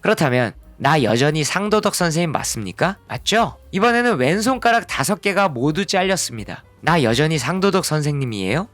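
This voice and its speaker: A man in his thirties teaches a middle school ethics lesson, acting out mock dialogues with big swings in pitch. His fairly high voice is recorded close and dry, with faint music underneath. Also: a little fast, hardly any pauses, no room sound. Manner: animated, acts out mock dialogues, switches to casual speech. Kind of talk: lively online lecture to students.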